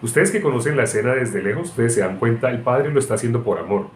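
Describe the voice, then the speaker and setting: A man's voice: medium pitch, lively intonation, quick pace. A man teaching from the Bible, working through a long everyday example with frequent "eh" hesitations. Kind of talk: sermon-style Bible teaching. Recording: roomy echo, faint background noise.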